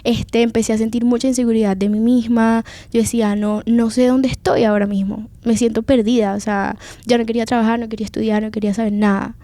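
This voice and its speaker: Venezuelan young woman with a dark, dry voice. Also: on the high side, level tone, fast talker, hardly any pauses, dry recording. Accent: Venezuelan Spanish. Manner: earnest, confiding storytelling. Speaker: guest giving testimony. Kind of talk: personal faith testimony.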